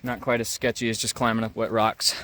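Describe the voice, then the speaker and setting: A man casually narrating a rainy mountain hike outdoors, relaxed and chatty with a few fillers. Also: on the low side, brisk, slight background noise. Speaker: hiking vlogger.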